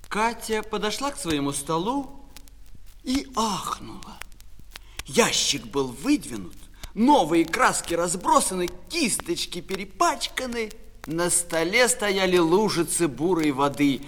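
Man, children's story reading, high animated voice, long echo. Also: measured pace, a little hiss or hum. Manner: expressive storytelling. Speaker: narrator.

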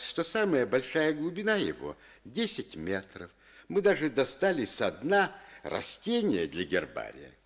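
An actor playing an expressive, declaiming captain in a radio play. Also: male voice, medium pitch, exaggerated voice. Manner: expressive storytelling read-aloud. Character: captain reading a letter aloud, then shouting orders.

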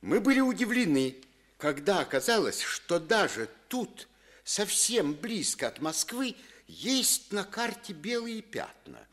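An actor playing an expressive, declaiming captain in a radio play. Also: male voice, high-pitched, measured pace, exaggerated voice. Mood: earnest storytelling. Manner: expressive storytelling read-aloud. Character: captain reading a letter aloud, then shouting orders.

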